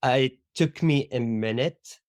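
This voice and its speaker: A man's voice: mid-range voice, slow pace, a little mellow, no echo, studio quality. A middle-aged man from Syria with a Syrian Arabic accent, reflectively telling his story in an interview and often adding "like" and "right?". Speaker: guest, theater educator. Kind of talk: conversational interview.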